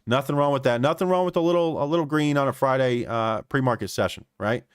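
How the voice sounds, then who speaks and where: A man streaming live, commenting on trading charts in an animated way and repeating phrases for emphasis. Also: medium pitch, fast talker, smooth, no echo, studio quality.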